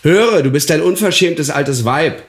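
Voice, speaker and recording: A man doing a bold, shouting market boy. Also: fairly high pitch, animated, normal speed, reverberant, a little hiss or hum, voice pushed up, close to an everyday voice. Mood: indignant. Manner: loud crying out, indignant scolding. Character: bold twelve-year-old market boy.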